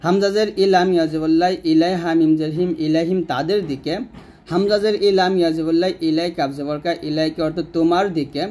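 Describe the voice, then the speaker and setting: A man teaching Quran reading, spelling out letters and vowel marks syllable by syllable, slow and repetitive, and dropping lower and quieter at the ends of sentences. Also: fairly even intonation.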